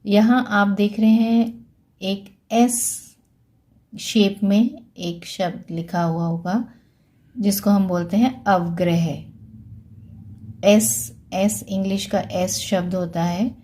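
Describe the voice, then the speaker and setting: A woman teaching Sanskrit pronunciation, sounding words out slowly and patiently and asking questions that she then answers herself. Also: mid-range voice, steady tone, warm tone. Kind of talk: spoken pronunciation lesson.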